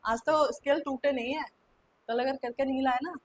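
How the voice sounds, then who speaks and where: A woman plays a strict, scolding schoolteacher in a homemade skit, her voice pitched high above most women's. She nags and repeats herself, pressing over and over for an answer. A faint noise hums under the recording. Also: steady tone, moderate pace, lightly acted, rough recording. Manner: nagging, repeats herself, keeps demanding answers. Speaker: vlogger acting in a skit. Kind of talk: staged classroom skit.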